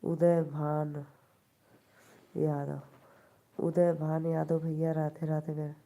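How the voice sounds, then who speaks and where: A woman's voice: deep voice, level tone, slow, warm tone. A woman with an Awadhi accent hosting a live stream, chatting casually with viewers, teasing them and laughing often.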